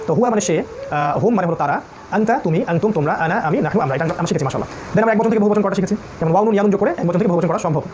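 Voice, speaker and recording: A man reviews a Quranic Arabic lesson in a high voice, reeling off word lists at a blistering pace. He drills each set in quick repetitive chants like a classroom teacher. A faint background hiss sits under the recording. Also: darkish tone.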